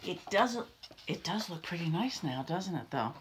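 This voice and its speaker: A middle-aged nursery school teacher reads a picture book aloud to young children, theatrical and full of questions for them. Her fairly low voice is sing-song at a normal speed. She is indoors in a small room at home or an office, with slight background noise.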